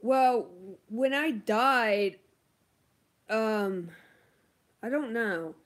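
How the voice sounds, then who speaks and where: Chatty beauty vlogger, a woman with a slightly high voice, talks slowly and casually to her viewers. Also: animated. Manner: chatty, lots of ums and likes, apologetic. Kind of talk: casual livestream chat, answering viewer comments.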